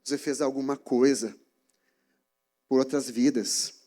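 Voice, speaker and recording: A man preaching a sermon in a church, telling stories in an animated way. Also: medium pitch, measured pace. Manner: animated storytelling, acting out scenes.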